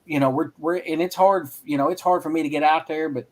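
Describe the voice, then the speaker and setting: Guy from arkansas talking about his race school, slightly high voice, rambles. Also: fairly even intonation, fast talker. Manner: rambling, frequent restarts. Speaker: guest, racing school instructor. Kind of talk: casual interview talk.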